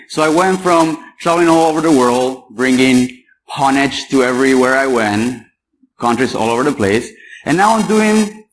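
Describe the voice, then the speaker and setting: A man's voice: medium pitch, low-quality recording. Young man from Paraguay, conference speaker, playful and chatty, faint room noise. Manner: joking, chatty, quizzes the audience. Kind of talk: security conference talk. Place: conference hall.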